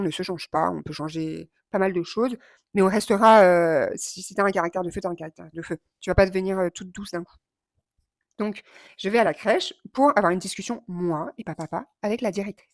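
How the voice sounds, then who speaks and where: Woman, 30s, fiery vlog storyteller, quick mimicry, dry close sound. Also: fairly low pitch, dry recording. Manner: animated, impulsive, swears and mimics others. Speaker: vlogger.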